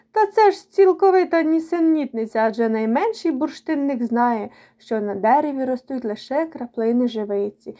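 A woman voicing an ancient male ruler of an amber island in a children's storybook, speaking in grand, measured pronouncements. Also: sits high, dark tone, close to an everyday voice.

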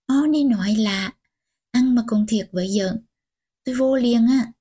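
A woman voicing a stubborn teenage granddaughter, talking back in a slow, breathy voice. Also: a little high, mellow. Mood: playful. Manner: pleading, defiant. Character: teenage girl, stubborn granddaughter, defiant and tearful.

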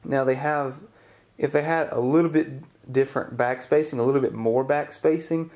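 A man's voice: mid-range voice, moderate pace. Young man explaining car repair. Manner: relaxed, explanatory, with corny jokes. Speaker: car restoration vlogger. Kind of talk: hands-on how-to narration. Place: home garage.

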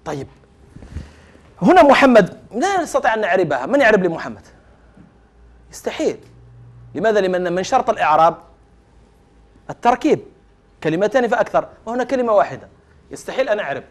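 A man's voice: high voice, very animated, fast talker, long pauses. A middle-aged man with an Algerian accent lecturing on Arabic grammar to a class of students, mixing formal Arabic with dialect and questioning the class before he answers himself.

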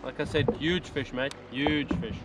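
Heavy background noise surrounds this young New Zealand man's unhurried, medium-pitched voice, his intonation fairly even. He's a fishing vlogger giving laid-back commentary from a jet ski on the open sea, often laughing, recorded by an action camera fixed to the ski.

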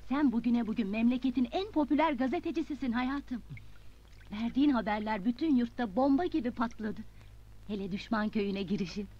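Worried young wife, fairly high voice. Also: female voice, fairly quick, slightly rough, dull audio. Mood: questioning, anxious. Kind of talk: comedy film dialogue.

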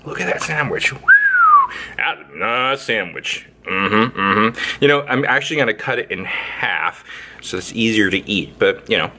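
A man's voice: fairly low pitch, expressive, unhurried, noisy background. Playful man demoing a recipe. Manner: playful, rambling, with sing-song sound effects. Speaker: home cook, channel host. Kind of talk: casual cooking demo. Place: indoor kitchen, overhead camera on hands.

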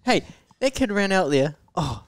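A man with a New Zealand accent, co-hosting a podcast with teasing quips and quiet asides. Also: sits high, sing-song, unhurried, no room sound. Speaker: podcast co-host. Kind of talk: casual chat.

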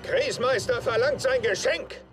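A man's voice: very high-pitched, unhurried. A man voicing a militant, aggressive toy henchman in a cartoon, barking orders like a battle trooper. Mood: menacing, commanding. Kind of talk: animated series dub acting. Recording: loud music behind.

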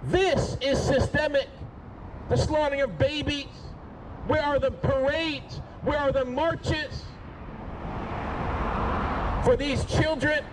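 A man preaching in the open air by a street, pleading and rebuking by turns, at times shouting and then dropping low. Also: slow, pauses often. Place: outdoors by a street with passing traffic. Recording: outdoor street noise, traffic. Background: cars passing.

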